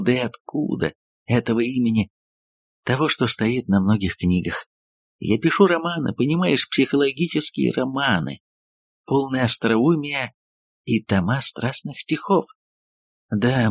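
A man's voice: mid-range voice, breathy edge, dry recording, studio quality. A man reading an audiobook, voicing a passionate, theatrical woman novelist who gushes breathlessly to her lover. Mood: exalted.

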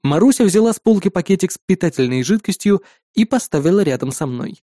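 A male audiobook narrator reads in the first person with a lively, mellow voice that sits high. He moves a little fast, and the recording is dry with clean studio sound.

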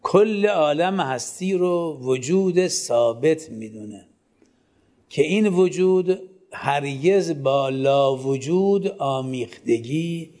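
A man's voice: on the high side, warm tone. Man lecturing with rhetorical questions. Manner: poses rhetorical questions and answers them himself; gives students direct instructions. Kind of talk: classroom lecture.

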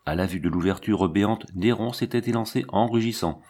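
A man reading an audiobook story aloud in steady, dramatic narration. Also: lowish voice, brisk. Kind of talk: scripted narration.

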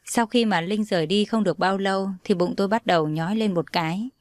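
A young woman narrating a first-person story in a calm, steady reading voice. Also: medium pitch, fairly quick, dry recording, studio quality.

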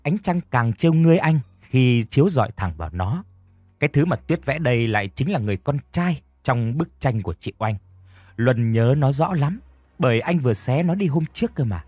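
A man's voice: medium pitch, expressive, normal speed, a little mellow, dry recording. A man narrating a scripted horror story in a dramatic storytelling manner.

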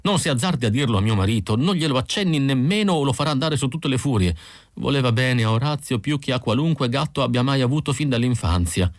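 A man's voice: mid-range voice, animated, fast, no room sound, studio quality, voice pushed up, natural voice. A man voicing a grieving middle-aged housewife, tearful and pleading, in an audiobook reading. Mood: anxious. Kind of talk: audiobook character voice.

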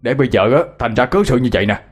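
A man voicing an angry village father who scolds loudly and quickly. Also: mid-range voice, faint music behind, close to an everyday voice. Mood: scolding. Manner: loud, fast scolding.

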